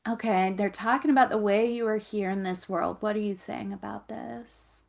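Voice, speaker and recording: Over a video call, a woman gives a channeled Akashic Records reading, passing along her guides' words, often repeating phrases and pausing to question them. Her mid-range voice is creaky, fairly even in intonation and at normal speed.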